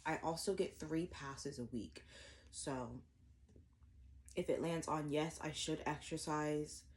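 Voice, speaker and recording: This is a twenty-something vlogger doing a relaxed eat-with-me chat to camera over breakfast at home. She speaks slowly in a low, slightly mellow voice, wandering off topic, running herself down, and often filling gaps or starting sentences over.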